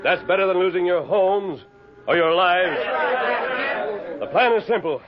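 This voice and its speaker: This high-voiced man speaks at a measured pace over a faint crowd and slight background noise, acting as a determined masked western lawman in an old radio drama. Firm and commanding, he barks urgent, clipped commands with authority, captured on dull, lo-fi vintage radio audio.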